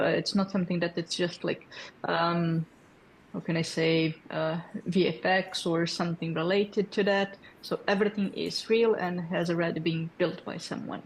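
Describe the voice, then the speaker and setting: In this technical presentation at a hackathon, a developer community lead shows off a developer tool. She's in her thirties, from Brazil, and a native Portuguese speaker with a Brazilian accent, speaking in a fairly low pitch with a friendly, explanatory manner full of fillers and check-in questions. The audio is poor, with a little hiss or hum.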